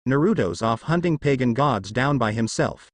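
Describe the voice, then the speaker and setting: A gloating male demon with a lively, swinging voice that taunts and mocks, as a male narrator plays him. His lines sound close and dry. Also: mid-range voice, moderate pace, no room sound, lightly acted. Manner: taunting, mocking.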